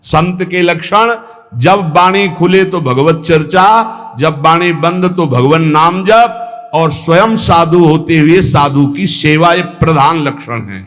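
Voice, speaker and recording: Slow, echoing male spiritual teacher. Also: on the high side, fairly bright tone. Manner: slow, measured, drawing out and half-singing verses. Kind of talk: devotional discourse.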